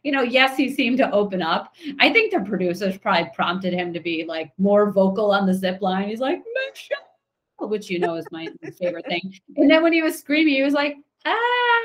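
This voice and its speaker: A woman's voice: mid-range voice, a little fast, few pauses. A woman co-hosting a podcast, chatting casually and opinionatedly as she recaps a TV episode. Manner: chatty, opinionated, animated retelling. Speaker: podcast co-host.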